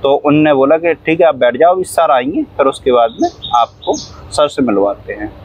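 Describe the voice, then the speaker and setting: A man's voice: a little high, very animated, normal speed, husky, muffled recording. A man, a cab driver, telling a long story in a rambling, repetitive way, often coughing and acting out what people said. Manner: rambling, repeats phrases, acts out quoted dialogue; coughs often while talking. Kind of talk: casual storytelling interview.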